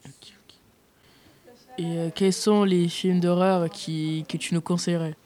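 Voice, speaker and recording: A woman interviewing casually, asking short drawn-out questions. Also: lowish voice, flat delivery, dark tone. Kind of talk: casual chat.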